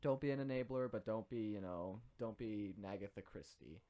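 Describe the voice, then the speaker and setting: A young man from Washington state, co-hosting a podcast, telling stories in a casual, animated way and swearing freely. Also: lowish voice, moderate pace. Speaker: podcast co-host. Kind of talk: casual chat.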